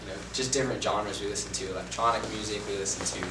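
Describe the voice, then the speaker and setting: A man's voice: fairly low pitch, fairly even intonation, very fast. A man, a musician, chatting casually and jokingly in an interview. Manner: laid-back, joking, slips into playful put-on accents. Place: studio. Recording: echoey room, mic at a distance, background noise.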